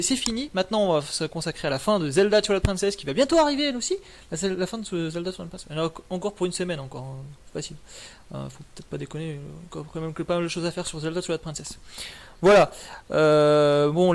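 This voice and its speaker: A young man wrapping up a live stream in casual chat, rambling with many fillers and restarts. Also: on the high side.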